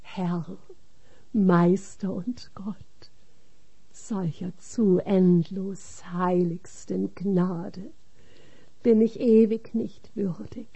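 Devout man, reverent and joyful, read by a woman, very slow, dark tone. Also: on the high side.

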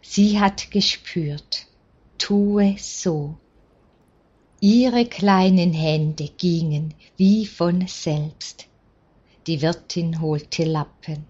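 A woman reads a story aloud at a very slow pace, calm and measured. Her voice sits low, and the recording sounds dull and lo-fi. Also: breathy edge. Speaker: story reader.

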